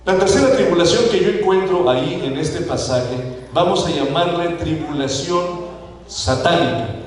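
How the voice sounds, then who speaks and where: A man's voice: a little high, animated, moderate pace. A man with a Mexican Spanish accent preaching a sermon to his congregation, asking them questions and acting out the people he quotes. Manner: asks the congregation questions, acts out quoted voices. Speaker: pastor. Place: church sanctuary. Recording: echoey church hall, voice from far off.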